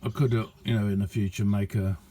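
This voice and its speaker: Showing his ham radio kit in a small indoor radio room, a middle-aged man talks fast in a warm, fairly low voice with little pitch movement. It's a casual hands-on video chat, and he rambles in an understated, self-deprecating manner.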